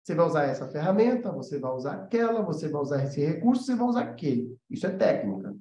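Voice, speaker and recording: With big swings in pitch, a fairly high register and a warm tone, this fast-talking man teaches animation in a laid-back livestream. He has a Brazilian Portuguese accent, explains things conversationally, and regularly checks in with viewers, all through a roomy echo and a dull, muffled recording.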